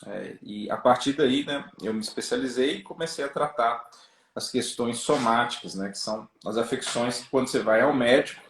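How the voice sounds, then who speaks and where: A man's voice: mid-range voice, normal speed. Brazilian man on a crackly call line. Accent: Brazilian Portuguese. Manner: relaxed, leans on tag questions. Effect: crackly, breaking-up call line. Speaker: guest psychologist. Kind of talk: casual interview chat. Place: rural home. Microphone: remote video call. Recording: echoey room over a choppy remote call.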